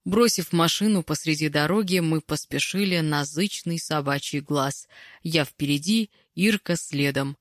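A woman narrating an audiobook in a measured, wry storytelling manner, recorded close on the mic. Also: low-pitched, no echo.

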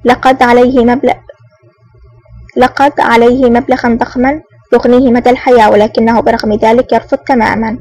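Lady reading a nervous-sounding undercover girl, audiobook, a bit high. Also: little pitch movement, brisk, natural voice, poor audio. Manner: hushed, feigned nervousness. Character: young woman agent posing as a secretary. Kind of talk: audiobook narration.

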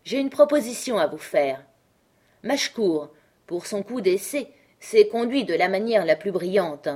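A woman voicing a loud, jovial, boastful drunken country surgeon in a storybook reading. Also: animated, unhurried, breathy edge. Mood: booming. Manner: booming, boastful.

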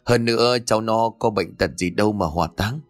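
A man playing a grief-worn old village father. He sounds weary and pleads softly, and a little music plays behind. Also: lowish voice, fairly quick, lightly acted. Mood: tired.

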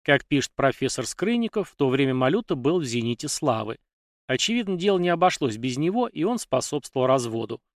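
Male narrator for a dark history reading, mid-pitched, steady, dry close sound. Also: fairly quick, dry recording. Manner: even, steady reading with dramatic emphasis.

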